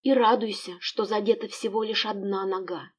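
Woman reading a fussy young gentlewoman, emotional, bossy to her servant, husky voice. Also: medium pitch, normal speed, natural voice. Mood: scolding. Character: fussy caring young gentlewoman, scolding then tearful.

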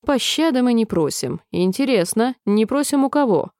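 A woman's voice: a little high, sing-song, moderate pace, a little mellow, clean tone, no echo, studio quality. A woman voicing a pompous, fussy old king who muses aloud while judging a trial in a storybook reading. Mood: musing. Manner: musing, self-satisfied.

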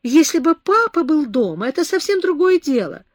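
Brief: scared teen girl near tears, high pleading tone, read by a woman. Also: big pitch swings, normal speed, no room sound, clean studio sound. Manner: pleading, timid, on the verge of tears. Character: frightened tearful eighteen-year-old girl.

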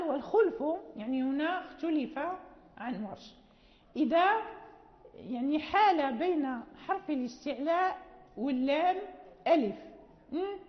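معلمة تشرح بصوت عالٍ في قاعة واسعة. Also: female voice, sits high. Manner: explains patiently, drawing out example words slowly and checking with students. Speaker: Quran recitation teacher. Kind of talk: classroom lecture. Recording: muffled reverberant hall recording.

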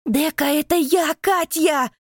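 A woman voicing a desperate female monster who was once a girl, shouting in frantic pleas. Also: high voice, a little slow, dry recording, pitched above the performer's own voice. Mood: pleading. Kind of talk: audiobook character voice.

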